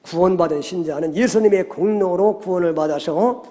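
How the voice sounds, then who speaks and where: A male pastor preaching a Sunday sermon, animated, often checking in with the congregation and acting out quoted voices. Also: sits high, moderate pace. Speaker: senior pastor. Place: church sanctuary. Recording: long church hall reverb.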